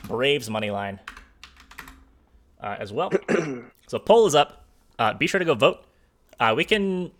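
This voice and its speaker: Young male host, bright timbre, easygoing betting-show banter. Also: medium pitch. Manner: easygoing, halting with restarts. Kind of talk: casual sports betting chat.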